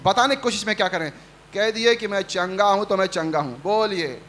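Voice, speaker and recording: A man's voice: sits high, fairly quick, fairly bright tone. A male pastor preaching a Sunday sermon, leading the congregation in call-and-response and acting out the quotes he tells. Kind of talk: Hindi sermon. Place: church service.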